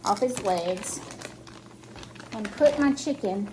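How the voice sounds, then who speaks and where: A woman's voice: medium pitch, takes it slowly, background noise. A woman chats casually through a cooking demonstration, her speech slightly impeded by new dental braces, in a folksy step-by-step way. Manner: chatty, folksy, narrating each step as she works. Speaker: home cook hosting a cooking vlog. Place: home kitchen while cooking.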